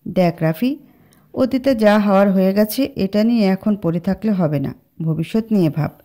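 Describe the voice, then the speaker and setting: A calm, caring young male friend from a spoken storybook, voiced by a woman. He reasons in a cool, even tone. The voice is mellow and dark. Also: medium pitch, normal speed, close to an everyday voice.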